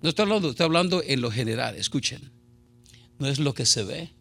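Gravelly middle-aged man preaching a sermon. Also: mid-range voice, expressive, a little fast, fairly bright tone. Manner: impassioned, conversational, rhetorical questions. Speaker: pastor.

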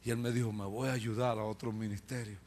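A man's voice: on the low side, level tone, fast talker, a little mellow, a little hiss or hum. A man preacher telling his testimony with humor, acting out other people's voices and laughing at himself. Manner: acts out quoted voices, jokes and laughs at himself.

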